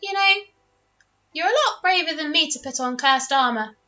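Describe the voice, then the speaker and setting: A woman plays a little gold dragon from a tabletop fantasy game, timid and earnest about his hoard. The voice is high and bright, with polite, apologetic phrasing. Faint music plays underneath. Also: expressive, normal speed, muffled recording.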